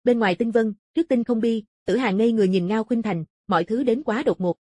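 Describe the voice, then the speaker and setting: A woman narrating a martial-arts fantasy novel as an audiobook, in a steady, even reading manner. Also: fairly high pitch, fast talker, dry recording. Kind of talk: scripted narration of a wuxia novel.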